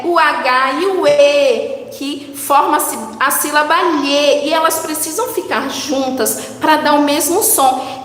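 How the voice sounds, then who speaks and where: Woman teacher, high voice, slow patient child-directed delivery, echoey room. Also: a bit bright. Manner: slow, drawn-out syllables, coaxing questions to children. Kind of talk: children's lesson, slow and sing-song. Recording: echoey room with long reverb.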